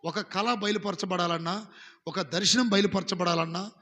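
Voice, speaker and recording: High-voiced Telugu pastor preaching in a hall. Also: male voice, fairly even intonation, moderate pace, bright, forceful tone. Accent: Andhra Telugu. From India. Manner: exhorting, calls congregation to repeat phrases. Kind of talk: sermon. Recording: live sermon with long hall reverb.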